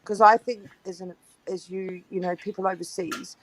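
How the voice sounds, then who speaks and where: A woman's voice: medium pitch, steady tone, moderate pace, poor audio. A woman from New in a casual group chat, earnest and a bit hesitant. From New Zealand. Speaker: chat participant.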